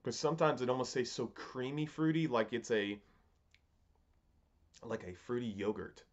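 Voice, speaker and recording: A man in his thirties giving a casual, unscripted review in a halting, musing way, often rephrasing himself, recorded at a desk in a home study. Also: mid-range voice, dull audio. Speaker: pipe tobacco reviewer.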